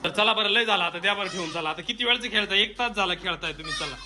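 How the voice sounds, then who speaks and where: Filming a family vlog indoors at home, a man talks to his viewers and half-laughingly scolds his kids. His voice is high-pitched and animated, he speaks fast, and there's background noise in this casual narration.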